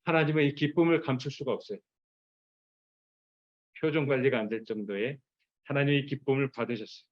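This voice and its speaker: A man preaching a sermon to teenagers, animated and acting out what Bible figures say in their own voices. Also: mid-range voice, fairly quick, pauses often, highs cut off. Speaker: youth pastor.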